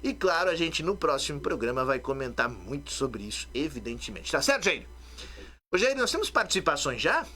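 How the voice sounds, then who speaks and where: A man's voice: a little high, sing-song, fairly quick, pushed and bright. A man hosting a live radio sports show, talking emphatically and addressing listeners directly. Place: radio studio.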